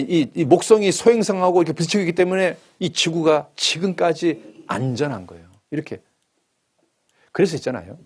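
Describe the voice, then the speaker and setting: A male preacher delivering a sermon in church. His voice is husky and a little breathy, and his pitch moves widely, rising for emphasis and falling back down. He keeps asking the congregation questions and then answers them himself. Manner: animated, asks the congregation questions.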